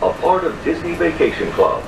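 A man giving a polite, measured, scripted train announcement, played over a cabin loudspeaker. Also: fairly high pitch, very animated, gravelly, recorded from a distance. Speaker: recorded monorail announcer. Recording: echoey noisy loudspeaker heard from afar.

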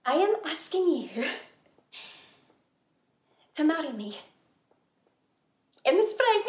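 An actress with a Scottish accent performing a dramatic monologue as a nervous young woman who proposes to her flatmate, talking in a hesitant, halting way with nervous laughs. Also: very high-pitched, roomy sound, full character voice. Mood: nervous, hopeful. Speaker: actor.

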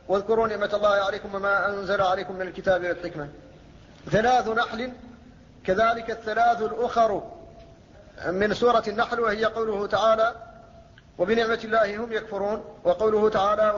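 A man gives a classical lecture on Quran recitation, explaining point by point and quoting verses. His voice sits high and stays flat and even. The recording is dull and lo-fi, with a long reverberant tail. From Mauritania. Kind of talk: classical Arabic lecture on tajweed.

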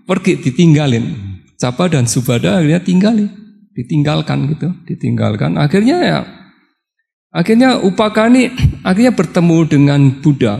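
Gravelly high-voiced monk in a reverberant hall. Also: male voice. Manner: lively, acts out quoted characters, laughs often. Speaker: Buddhist monk teacher. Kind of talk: dharma talk with storytelling. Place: meditation hall on retreat.

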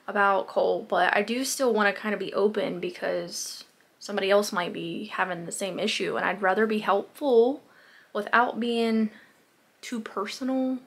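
A lifestyle vlogger with a medium-pitched, fairly bright voice chats casually to the camera in a day-in-the-life video. She rambles, filling pauses with "um" and "like," recorded close to a phone camera in a small bedroom at home.

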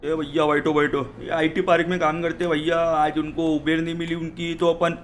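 A man hosts comic gameplay commentary in a slightly high, playful voice. He jokes like a street seller and breaks into sudden shouted calls. Loud game sounds run underneath him. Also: little pitch movement, brisk, a little hiss or hum. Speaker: gaming channel host.

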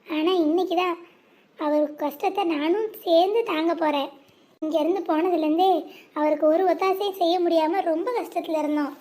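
A woman's voice: extremely high pitch, fairly even intonation, moderate pace, warm tone. A performer voicing an anxious mother of a struggling son who speaks earnestly.

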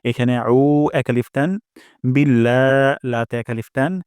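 A man's voice: medium pitch, a little mellow, clear, resonant tone, no echo. Man teaching recitation, dry close sound. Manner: slow drawn-out chanted demonstrations between quick explanations; patient and repetitive, drilling each sound. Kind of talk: spoken lesson on Arabic pronunciation.

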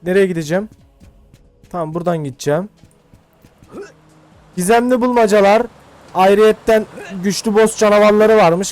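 A young man with a fairly high voice chats his way through a video game, slangy and loose as he thinks aloud. Game music plays faintly behind him. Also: darkish tone. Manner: chatty, slangy, thinks aloud while playing. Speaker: gaming YouTuber. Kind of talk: casual let's-play commentary.

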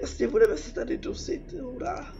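A Czech gaming YouTuber with a cold talks in a high, warm voice with lively intonation, faint music behind her. She reads game dialogue and reacts with exasperated, sweary commentary, all captured on a muffled mic amid background noise.

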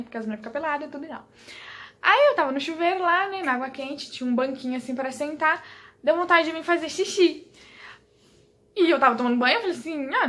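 Uma jovem mulher brasileira, vlogueira, contando em tom casual e animado uma experiência pessoal, rindo muitas vezes e imitando diálogos. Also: female voice, high voice. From Brazil. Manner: animated, laughs often, quotes people in dialogue. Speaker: vlogger. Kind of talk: casual storytelling.

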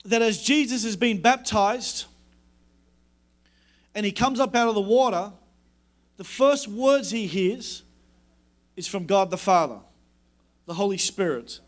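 A man preaching a sermon as a pastor, emphatic and repetitive, dropping low and soft when he quotes God's words. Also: a little slow, long pauses.

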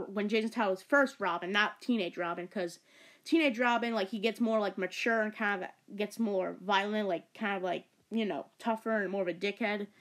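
A young woman talks through a movie review in a loose, rambling way, stacking fillers and tripping over her words in her excitement. Her voice sits at an ordinary middle pitch. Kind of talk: casual video review.

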